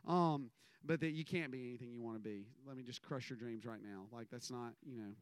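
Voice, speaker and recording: A man's voice: mid-range voice, fairly quick, clear, resonant tone, no echo. A man, giving a casual, rambling sermon full of stories and self-deprecating asides. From American South. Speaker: minister.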